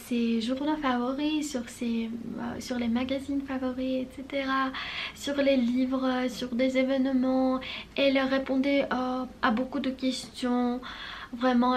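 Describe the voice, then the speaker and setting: A woman hosting her own channel who talks casually to her viewers in French with a non-native accent. She speaks unhurriedly and hesitantly, with many pauses and fillers. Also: high voice, a little hiss or hum. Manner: deliberately unhurried delivery. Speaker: channel host.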